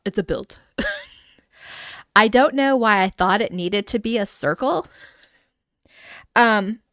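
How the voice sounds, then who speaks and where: A woman's voice: medium pitch, slow pace, a bit bright, no room sound. Giggly woman streaming a game, dry mic. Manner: chatty and giggly, reading out chat names. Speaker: livestream host touring a game island. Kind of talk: casual live gameplay chat.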